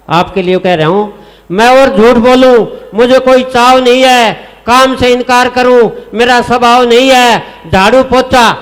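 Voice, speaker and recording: A man reciting comic verse on stage at a poetry gathering, addressing the audience with rhyming punchlines. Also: extremely high pitch. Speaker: stage comedy poet. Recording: long hall reverb, faint music.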